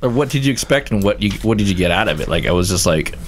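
A man's voice: on the low side, animated, very fast, a little hiss or hum. A man on a podcast panel, chatting casually and curiously with the others. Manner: informal, inquisitive. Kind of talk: casual chat.

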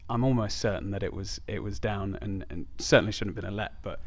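A man's voice: on the low side, fast. A man hosting a podcast, talking casually about sport. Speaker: podcast host.

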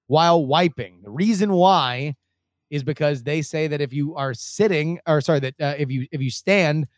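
A man's voice: fairly high pitch, dry recording, clean studio sound. A man co-hosting a podcast in casual chat, earnestly laying out his arguments point by point. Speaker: podcast co-host.

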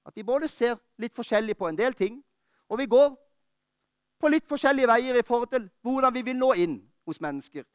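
A high-voiced man preaches with fervour, pressing hard and then easing into close, personal words. His tone is smooth and resonant, and the sound is dry and close to the mic, with little room around it. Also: expressive, dry recording. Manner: fervent preaching that drops to quiet, intimate talk. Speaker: pastor. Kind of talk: sermon. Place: church.

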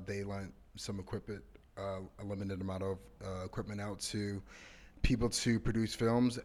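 A man co-hosting a casual podcast chat, relaxed and laid-back, often pausing with fillers. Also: on the low side. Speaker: podcast co-host.

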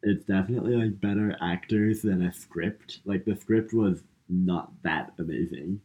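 A man's voice: low-pitched, normal speed, warm tone, dull audio, slight background noise. A man co-hosting a casual podcast, jokey and swearing freely. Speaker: podcast co-host. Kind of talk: casual chat.

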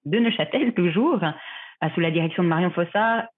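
A woman's voice: on the low side, normal speed. Thin phone-line woman explaining carefully. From Switzerland. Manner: careful, explanatory, many fillers. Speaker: guest researcher and clinician. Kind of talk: podcast interview answers. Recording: phone-like remote call audio.

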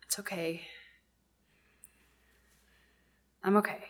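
A woman voicing a mentally exhausted noblewoman who speaks slowly and falteringly, trailing off. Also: fairly bright tone, close to an everyday voice. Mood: weary.

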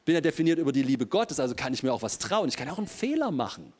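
A man's voice: mid-range voice, very animated, very fast, darkish tone. A man preaching a sermon to a congregation, speaking animatedly and often repeating himself as he addresses the listeners directly.

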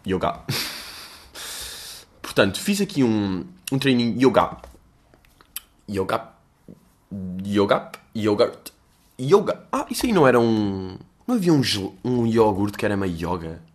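A man's voice: lowish voice, sing-song, measured pace. Rambling Portuguese man hosting a podcast. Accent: European Portuguese. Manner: rambling, self-mocking, swears freely. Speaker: podcast host. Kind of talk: casual solo podcast monologue.

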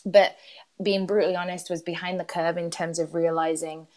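A woman in her thirties with a Yorkshire accent, chatting as an interview guest about her career, self-deprecating and quick to laugh. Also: lowish voice, flat delivery, a little mellow. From Yorkshire, England. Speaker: guest, employment lawyer. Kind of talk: casual interview chat.

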